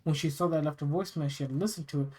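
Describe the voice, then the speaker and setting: Horror story narrator from the US, mid-pitched, halting read with repeated phrases and casual delivery. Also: steady tone, darkish tone. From United States. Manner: halting reading, often stumbling and repeating phrases. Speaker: narrator reading scary stories. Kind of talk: reading a first-person horror story aloud, with casual asides.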